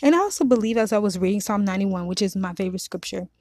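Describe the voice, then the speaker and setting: A woman talks in an earnest, encouraging way, giving faith-based advice straight to her listeners. Her pitch sits in a middle range for a woman. She often repeats herself and stops to correct a word. The sound is dry and close, with no room echo. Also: expressive, rapid-fire, darkish tone. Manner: repeats phrases, frequent fillers and self-corrections.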